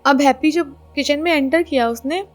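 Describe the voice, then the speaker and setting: Woman, storyteller, spooky story, conversational, high voice, faint background music. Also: normal speed. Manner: conversational, mixes in English words.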